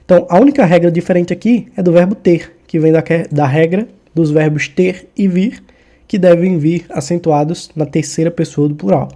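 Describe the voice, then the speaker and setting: A man's voice: on the high side, normal speed, warm tone. A man teaching a Portuguese grammar lesson for exam preparation, explaining accent rules in a casual style and checking in with the listener after each point. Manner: informal, checks in often with the listener.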